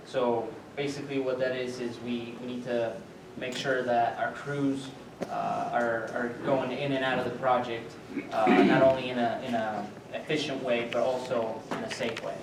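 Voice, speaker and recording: A young man giving a student team presentation, hesitant, with many filler sounds and restarts, recorded far off in an echoey, noisy room. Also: medium pitch.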